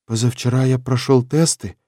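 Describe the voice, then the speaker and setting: Brief: small disheveled violinist , voiced by a male narrator, quiet, mournful, storybook reading. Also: medium pitch, fairly even intonation, normal speed, no echo, clean studio sound, close to an everyday voice. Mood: sorrowful.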